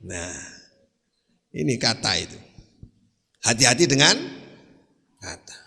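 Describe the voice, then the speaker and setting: Guy preaching, keeps quizzing the crowd, bright sharp voice, echoey hall. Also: medium pitch, very animated, slow, vocal fry. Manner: quizzes the audience with rhetorical questions. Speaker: Islamic preacher. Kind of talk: sermon to a congregation. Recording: long hall reverb.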